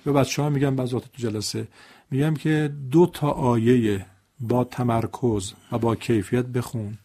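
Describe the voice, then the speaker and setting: A man's voice: medium pitch, fairly even intonation, mellow. A man teaching Quran recitation, correcting and demonstrating pronunciation by repeating examples. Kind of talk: recitation lesson dialogue.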